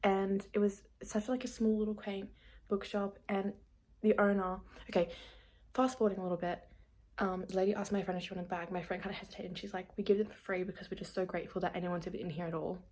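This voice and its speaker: She speaks fast with a flat delivery in a darkish, mid-range voice. This vlogger, about 19 and nearly 20, chats casually and confessionally to camera, rambling dramatically and running herself down.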